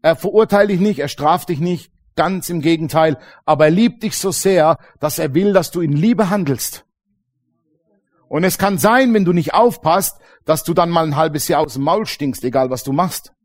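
A man preaching a sermon to a congregation, lively and colloquial, acting out little dialogues and often calling out "Amen". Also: on the high side, moderate pace. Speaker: pastor. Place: church congregation.

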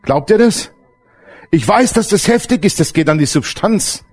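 A man preaching a sermon, blunt and earthy, swinging between loud emphatic outbursts and hushed low passages. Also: expressive, normal speed, slightly rough, faint music behind. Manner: blunt, earthy everyday language. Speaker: pastor.

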